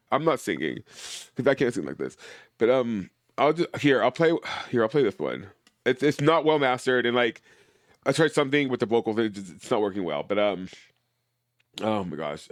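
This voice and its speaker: A man's voice: lowish voice, animated, normal speed, dry recording, clean studio sound. A man in a casual live-stream chat, rambling and stammering with a lot of emotion.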